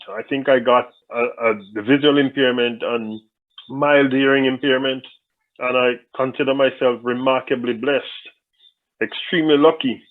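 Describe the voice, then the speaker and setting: Guy on a thin phone line, talks it through slow and careful, lots of restarts, middle pitch. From Jamaica. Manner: thoughtful, with frequent restarts and repeated words. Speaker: interview guest. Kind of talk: conversational interview answers. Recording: tinny phone-line audio.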